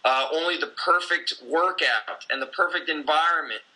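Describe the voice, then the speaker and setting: A man's voice: on the high side, normal speed, pushed and bright, low-quality recording. A man in his forties, a gym owner and coach, talking bluntly and intensely in a casual conversation, swearing freely.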